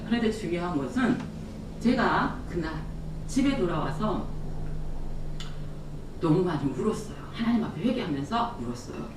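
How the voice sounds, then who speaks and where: A woman's voice: fairly low pitch, expressive, normal speed, long pauses. A woman giving an earnest testimony sermon, telling a family story and acting out the conversations. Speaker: church speaker giving testimony. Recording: roomy echo from a distant mic, faint hum.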